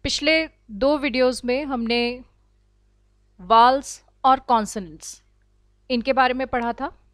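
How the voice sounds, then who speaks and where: A woman with an Indian accent teaching an online English class, explaining slowly and deliberately and mixing in English phrases. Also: high-pitched, no room sound. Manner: slow, deliberate explaining, switching between Hindi and English. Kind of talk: online lecture.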